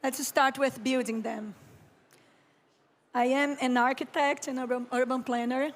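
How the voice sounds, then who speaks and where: A high-pitched Brazilian woman in her thirties, who works as an architect and urban planner, speaks English with a Brazilian Portuguese accent at a conference stage. Her tone stays steady as she talks slowly and reflectively, often pausing to clear her throat.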